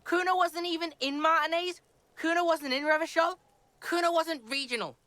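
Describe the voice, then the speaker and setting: Lady voicing a cussing twelve year old brat in a game, high and sharp, bossy third person talk. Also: steady tone, moderate pace, dry recording. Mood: belligerent. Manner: swears constantly, talks about himself in third person. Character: foul-mouthed twelve-year-old boy, hostile. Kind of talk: video game dialogue.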